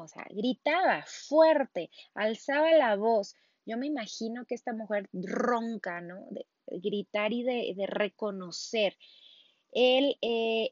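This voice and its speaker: Woman preaching in a relaxed chat. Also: mid-range voice, dry recording, lo-fi sound. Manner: conversational, frequent tag questions and restarts. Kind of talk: casual sermon.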